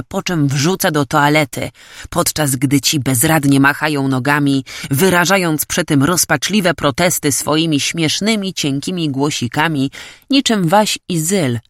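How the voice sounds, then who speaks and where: Female audiobook reader, even measured narration, dry studio sound. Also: low voice, no room sound. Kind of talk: scripted narration.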